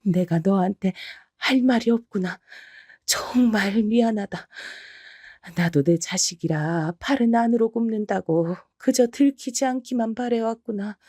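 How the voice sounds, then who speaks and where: A woman's voice: medium pitch, dark tone, dry recording, studio quality, close to an everyday voice. A woman doing a sorrowful old mother-in-law. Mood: remorseful. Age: older. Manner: sighing, halting apologies. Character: remorseful elderly mother-in-law, soft and apologetic.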